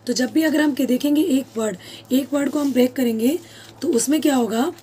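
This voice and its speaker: An English teacher gives a classroom-style lesson in a high, brisk, mellow voice, with slight background noise behind her. She poses questions, answers them herself, and repeats the key terms.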